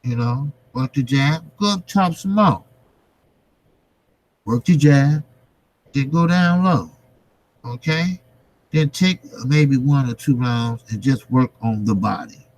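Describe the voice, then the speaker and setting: A man's voice: medium pitch, darkish tone, no room sound, rough recording. A man hosting a casual boxing commentary for live viewers, speaking informally with slang and repeating his phrases for emphasis. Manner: repetitive, emphatic phrasing with trailing pauses; informal, slangy, occasional swearing. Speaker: boxing vlogger, host.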